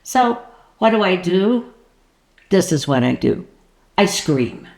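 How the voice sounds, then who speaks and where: A woman artist and art coach, her fairly low voice creaky and a little mellow, speaks slowly yet very animatedly as she chats with her viewers. Moving on to narrate her painting, she playfully asks the viewer questions and jokes about her own frustration.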